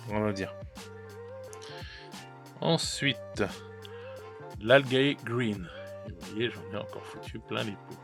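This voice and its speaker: A man's voice: on the low side, takes it slowly, gravelly, pauses often, over music. A man casually reviewing paint colors, chatty and hesitant, with many fillers and restarts and self-mocking laughs at his own mistakes. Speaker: miniature painting youtuber.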